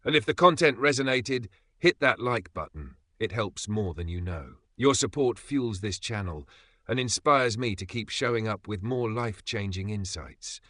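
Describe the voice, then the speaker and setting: Forceful low-voiced man narrating. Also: lively intonation, no room sound. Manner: measured, emphatic delivery with dramatic pauses. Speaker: channel narrator. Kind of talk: scripted motivational voice-over.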